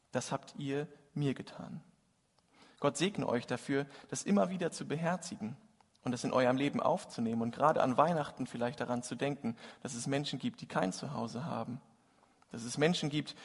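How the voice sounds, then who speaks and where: A man preaching a Christmas sermon and telling a story in an earnest, gentle way. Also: medium pitch. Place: church. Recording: husky voice with long hall reverb.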